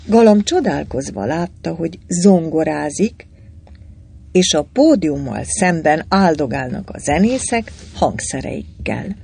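A man reading an audiobook aloud in a wry, expressive storytelling manner. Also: on the high side, gravelly, breathy edge. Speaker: audiobook reader. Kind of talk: audiobook narration.

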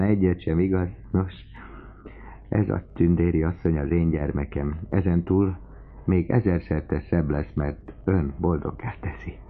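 A man voicing an elderly doting father, effusive, loud and emotional, in an audiobook reading. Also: low voice. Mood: proud. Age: older. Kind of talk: audiobook character voice. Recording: tinny phone-like lo-fi recording.

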